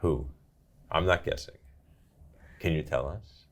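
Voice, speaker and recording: An older man with a very deep voice speaks slowly as he hosts a podcast interview, posing questions and reacting with enthusiastic exclamations.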